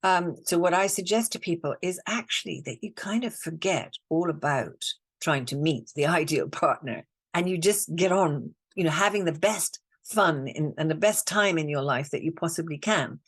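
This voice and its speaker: A woman coach from the UK leads a spiritual webinar, talking slowly and soothingly and repeating phrases like a mantra. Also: deep voice, slightly rough. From United Kingdom. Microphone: computer mic on a video call.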